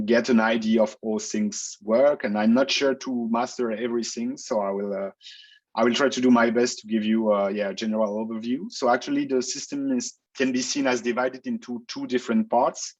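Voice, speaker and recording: A man's voice: medium pitch, steady tone, moderate pace, highs cut off. A man who grew up in Belgium, a researcher answering interview questions in a casual, hesitant way with many fillers and restarts, speaking over a video call. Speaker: researcher guest.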